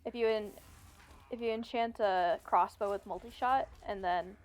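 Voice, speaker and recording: A woman streaming a video game, chatting casually and calling out loudly and excitedly as she plays. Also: medium pitch, moderate pace. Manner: excited, loud callouts while playing. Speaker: streamer and channel host. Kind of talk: casual gaming stream chat.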